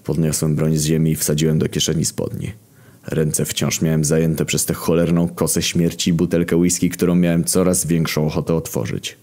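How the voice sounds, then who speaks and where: A man reading a crude comic story aloud in a deadpan, profane narrating manner. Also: a bass voice, moderate pace.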